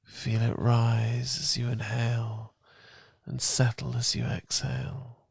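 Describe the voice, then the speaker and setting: A British male ASMR performer, close to a dry mic, speaks as a soothing, loving boyfriend to his partner during slow romantic relaxation guidance. Soft and husky, frequently whispered, he's gentle, tender and never rushed, with a medium pitch, a steady tone and no echo.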